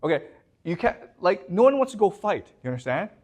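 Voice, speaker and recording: Male lecturer, animated delivery, restarts and repeats words, keeps asking the class whether they follow. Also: high-pitched, brisk. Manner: checks in constantly with the class.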